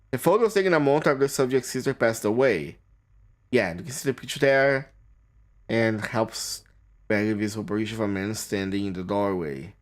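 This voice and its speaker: A man streams a game and reads its text aloud, often tripping over a word and starting again. His pitch swings widely as he reads, sitting in a middle register. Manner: reads haltingly, stumbles and restarts on words.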